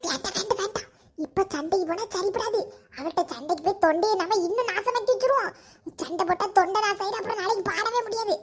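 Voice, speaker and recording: A woman's voice: very high voice, fast talker. A woman acting in a comic village sketch, fretful and pleading with giggles. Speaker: comedy sketch performer.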